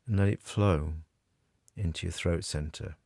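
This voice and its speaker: A man guiding a scripted meditation in a soothing, measured way with long pauses. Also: deep voice, vocal fry, warm tone, no echo, studio quality. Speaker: meditation guide. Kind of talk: guided meditation narration, scripted.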